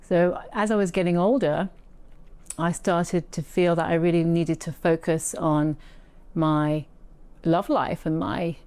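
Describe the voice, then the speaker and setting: A woman guest talks through her story in a relaxed interview, reflective and a little halting, restarting her sentences now and then. Her voice sits on the low side and sounds smooth and clear. The recording is dry and close. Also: dry recording. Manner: reflective, with frequent restarts and soft laughs. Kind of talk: casual interview conversation.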